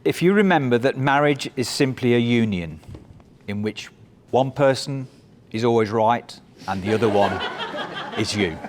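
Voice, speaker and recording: A middle-aged man delivers a prepared wedding speech as father of the bride, sentimental and in measured phrases. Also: medium pitch, expressive, a little hiss or hum. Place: wedding reception venue.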